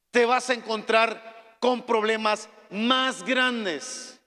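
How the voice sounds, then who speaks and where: A man preaching a sermon as pastor, swinging from soft, hushed pleading to loud, shouted calls to the congregation. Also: extremely high pitch, in a large hall.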